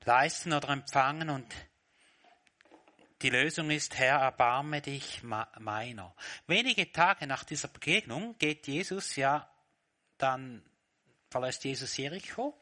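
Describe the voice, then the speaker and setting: Bright-voiced preacher, slow delivery. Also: male voice, on the high side. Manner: swings from quiet reflection to loud, shouting retellings. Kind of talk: sermon.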